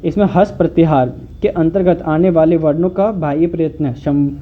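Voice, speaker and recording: A man tutoring online, explaining each term slowly and repeating it, often checking with "okay". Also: a little high. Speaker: Sanskrit tutor. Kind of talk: online lecture. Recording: muffled phone-like audio with faint hiss.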